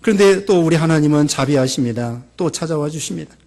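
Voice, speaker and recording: A man preaching a sermon as pastor of a church, emphatic, stacking verbs in long lists and swinging between urgent high emphasis and quiet low asides. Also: lively intonation, a little fast. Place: church sanctuary.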